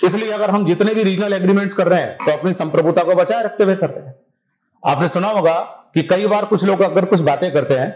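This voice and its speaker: A man's voice: high voice, a little mellow, roomy sound, rough recording. A man teaching a civil services exam class in a conversational lecture style, often checking that his students follow him.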